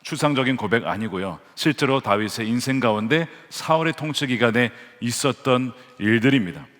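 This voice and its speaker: In a large church sanctuary, a pastor delivers a Sunday sermon in a brisk, mid-range, slightly bright voice. He is earnest throughout and builds to fervent emphasis when quoting scripture, with long hall reverb filling the recording.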